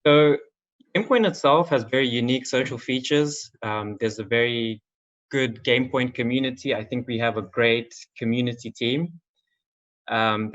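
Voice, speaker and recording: In a medium-pitched, somewhat bright voice, a young man from Zimbabwe delivers an online conference talk as a games marketing manager. He keeps it casual with lots of "um" and "like," on slightly dull lo-fi audio.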